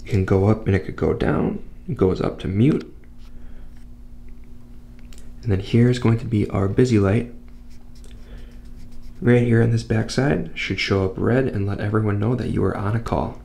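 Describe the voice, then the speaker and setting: Deep-voiced young man explaining a product. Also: normal speed, vocal fry. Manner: steady, explanatory, walks through features step by step. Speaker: product presenter. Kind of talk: scripted product unboxing.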